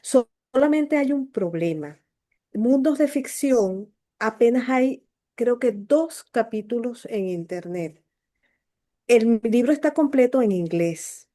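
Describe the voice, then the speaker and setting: Woman professor, mellow informal tone. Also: a little high, expressive. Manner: chatty, informal, reassuring with filler pauses. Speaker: university literature professor. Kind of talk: closing remarks in an online class.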